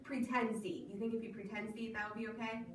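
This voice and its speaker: A woman librarian leading a children's storytime with rhymes and songs, in an animated, encouraging sing-song manner. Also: a little high, quick pace. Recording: echoey room from far off, audible noise.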